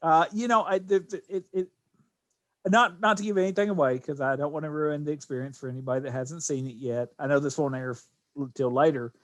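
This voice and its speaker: An American man hosts a podcast, chatting casually in a slightly high voice with fairly even intonation and a brisk pace. He rambles, often repeating and restarting his phrases, and there's no echo.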